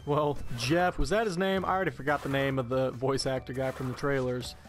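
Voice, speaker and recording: A man's voice: medium pitch, fairly even intonation, a little fast. A young man doing jokey, rambling let's-play commentary as channel host.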